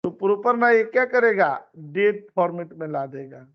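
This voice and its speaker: A man's voice: high-pitched, animated, normal speed. A man teaching an online class, explaining step by step and repeating his phrases. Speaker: instructor. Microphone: computer mic on a video call. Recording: dull lo-fi meeting recording.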